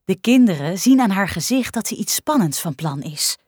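A woman narrating a children's storybook in a clear, expressive way. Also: mid-range voice, moderate pace, dry recording, studio quality. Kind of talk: storybook reading.

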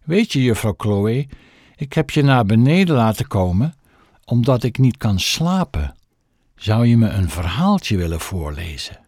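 A man voicing a grateful, gentle old male tramp for an audiobook, talking in a doting way. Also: fairly low pitch, sing-song, measured pace, husky, dry recording, studio quality, exaggerated voice. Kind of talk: audiobook character voice.

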